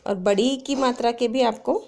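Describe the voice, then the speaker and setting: A woman teacher giving a children's phonics lesson, reading words and dictating homework slowly and with clear syllables. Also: on the high side, a little mellow.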